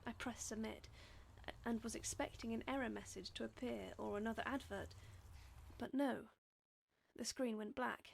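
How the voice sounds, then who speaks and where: A young woman, narrating her own strange story in a nervous, self-deprecating monologue with many halting fillers. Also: on the high side, steady tone, creaky, slight background noise. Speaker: narrator and lead character. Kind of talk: first-person dramatic monologue.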